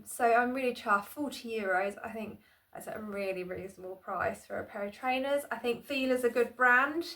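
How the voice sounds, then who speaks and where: In a fairly high, pushed, bright voice, a woman chats casually to her tripod-mounted phone camera in a small room at home. She's a rambling, self-mocking vlogger who says "um" a lot and restarts often.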